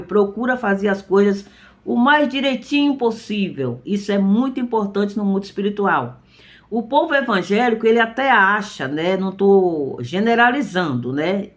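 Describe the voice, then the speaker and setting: A man preaching in an earnest, emphatic, informal way. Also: sits high. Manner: earnest, emphatic, tags lines with "né?". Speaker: religious preacher.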